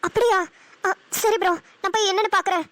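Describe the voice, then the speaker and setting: A woman voicing a loyal, practical young female friend in a cartoon, who talks in a quick, firm, encouraging way with a Namakkal Tamil accent. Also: extremely high pitch, steady tone, fairly bright tone, no room sound. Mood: urgent.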